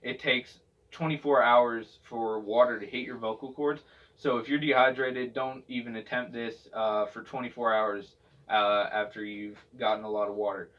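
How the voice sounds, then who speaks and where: A man's voice: mid-range voice, steady tone, moderate pace. A man giving a casual spoken tutorial as a vocal technique instructor, talking in a hesitant, rambling way and repeating himself. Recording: dull, distant microphone sound.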